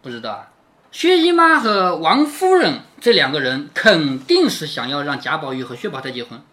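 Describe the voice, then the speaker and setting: A man reads a classic novel to his daughter and explains each scene as he goes. He often stops to check whether she follows, much as a teacher would. His voice is bright and his pitch moves widely. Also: sing-song, moderate pace. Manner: keeps asking rhetorical questions like a teacher. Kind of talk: explanatory novel reading and commentary.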